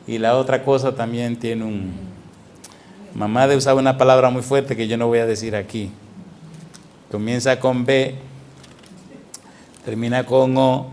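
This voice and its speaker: A middle-aged male pastor preaching a lively sermon in a church, often asking the congregation questions. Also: mid-range voice, slight background noise. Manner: animated, asks the congregation repeated questions. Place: church sanctuary.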